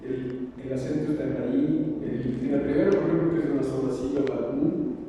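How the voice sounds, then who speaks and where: A man's voice: mid-range voice, fairly even intonation, fairly quick, mellow, highs cut off, a little hiss or hum. A man speaking up as a student in class, carefully explaining his point with examples. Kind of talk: classroom question. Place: university auditorium. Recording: distant voice in an echoey auditorium.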